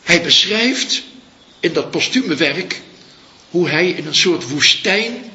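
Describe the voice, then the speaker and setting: A man giving a reflective Buddhist dharma talk as a teacher, speaking slowly and searching for his words. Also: fairly high pitch, lively intonation, pushed and bright. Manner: slow, searching, pauses to find words. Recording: echoey room, dull lo-fi sound.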